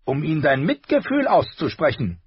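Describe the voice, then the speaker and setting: Man reading a cutting, clever lord with a raised, lively voice, storybook reading. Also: a little high, moderate pace, slightly rough, no echo, highs cut off, pitched above the performer's own voice, exaggerated voice. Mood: mocking stern. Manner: cutting, scolding. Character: sardonic clever male noble, sharp-tongued uncle.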